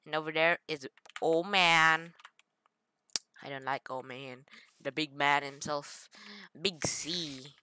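Low, slow woman rambling over gameplay. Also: fairly even intonation, pushed and bright, smooth, no echo. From Philippines. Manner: rambling, self-mocking, stammering restarts. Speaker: gaming channel host. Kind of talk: casual gameplay commentary.

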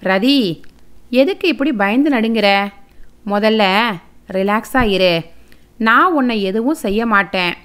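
Woman doing a gentle, reassuring young husband in a storybook. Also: fairly high pitch, expressive, slow, long pauses, smooth. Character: calm young husband soothing his frightened bride.

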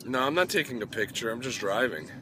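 A father talking gently and patiently with his small child while driving, filmed on a phone. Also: mid-range voice, expressive, fast. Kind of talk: casual chat with a child. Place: in a moving car. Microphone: phone camera held while driving. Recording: car road noise.

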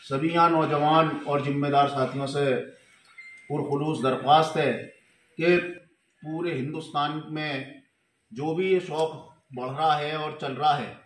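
A man with a slightly high voice delivers a slow, earnest thank-you speech. His formal phrasing carries through an echoey indoor hall. A light hum of noise sits under the recording. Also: steady tone. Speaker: goat farm owner. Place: indoor hall with a crowd of men. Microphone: handheld mic held close. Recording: echoey room with some noise.

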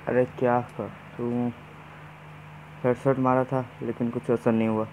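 In a low-quality recording with slight background noise, a man streams a mobile battle match live. Speaking in a mid-range voice at a measured pace, he addresses viewers and excitedly barks urgent instructions to teammates.

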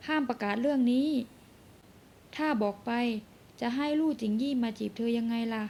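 A woman's voice: on the high side, normal speed, dark tone, a little hiss or hum, lightly acted. A woman voicing a curt, bossy young husband. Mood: firm. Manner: curt, commanding. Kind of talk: manga dub reading.

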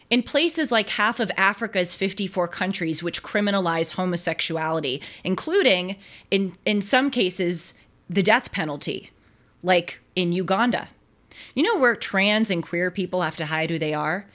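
A woman's voice: on the low side, animated, measured pace, a bit bright. A young woman in her twenties hosting a studio talk show, giving emphatic, argumentative commentary with frequent restarts. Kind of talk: opinion commentary. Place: studio with purple lighting.

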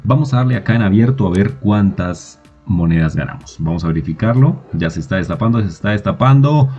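A man's voice: on the low side, expressive, a little fast, dark tone, dull audio, faint music behind. A man hosting a screen-recorded tutorial, walking through an app and reading its texts aloud. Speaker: video host.

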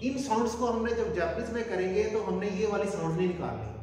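Guy teaching a language lesson, high voice, far from the mic in a really echoey room, drags out the sounds. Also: animated, a little mellow, slight background noise. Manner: slow drawn-out pronunciation drills. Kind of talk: recorded video lesson.

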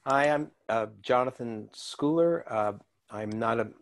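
A man's voice: medium pitch, unhurried, slight background noise. Modest, hesitant male professor. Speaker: psychology professor. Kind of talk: video call introduction. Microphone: video call.

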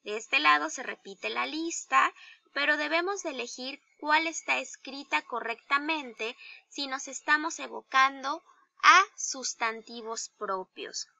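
A woman teacher with a Mexican Spanish accent, giving a slow, deliberate grammar lesson to young children and asking them questions. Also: high voice, vocal fry, sharp tone, no echo. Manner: slow, deliberate, spells out each example; addresses pupils directly with questions. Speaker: primary school teacher.

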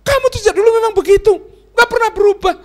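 A man acting out the rapid, shrieking scolding of an angry wife. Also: extremely high pitch, pitched above the performer's own voice. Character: shrill angry wife scolding her husband.

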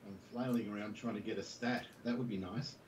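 A man's voice: on the low side, steady tone, a little fast, a little mellow. A man playing a golf video game with a friend, muttering and talking himself through each shot. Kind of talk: casual gaming chat. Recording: noisy background.

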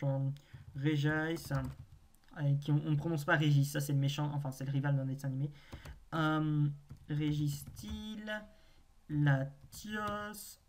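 A gaming video host with a mid-range voice muses aloud through a naming quiz. There is plenty of hesitation, long pauses, and self-mocking, wry remarks along the way.

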